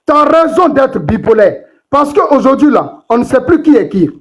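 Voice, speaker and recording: Very high-voiced emphatic man. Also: sing-song, normal speed. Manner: emphatic, repetitive, full of verbal fillers. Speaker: TikTok live panelist. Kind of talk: live-stream commentary.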